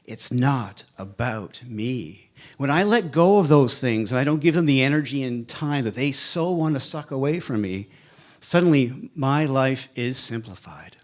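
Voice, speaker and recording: A man's voice: mid-range voice, lively intonation. Emphatic man giving a motivational speech. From Canada. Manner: emphatic, repeats a refrain, dramatic pauses. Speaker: speaker at a live evening event. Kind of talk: motivational speech to a live audience.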